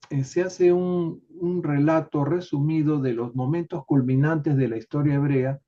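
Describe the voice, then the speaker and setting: A man leading an online study group, explaining a text in an unhurried way with many tag questions, over a video call. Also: on the high side, dark tone. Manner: unhurried, adds filler tags and restarts. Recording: dull lo-fi call audio.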